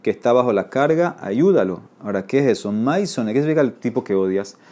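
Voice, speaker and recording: Spanish-speaking man teaching Talmud, mellow. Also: medium pitch, animated, fairly quick. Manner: reads Aramaic then explains in Spanish, asks "¿ok?". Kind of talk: Talmud study class, reading and explaining.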